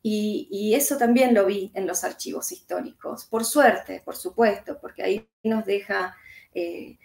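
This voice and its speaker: A woman's voice: medium pitch, fairly even intonation, measured pace, creaky, a little mellow, echoey room. A woman from Argentina, an author and historian, speaking with an Argentine accent in a reflective interview, thinking aloud with frequent hesitations. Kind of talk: interview conversation.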